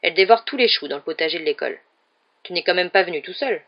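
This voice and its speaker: A woman voicing a huge, gruff, grumbling gamekeeper in an audiobook reading. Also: lowish voice, expressive, racing, muffled recording. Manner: grumbling, scolding.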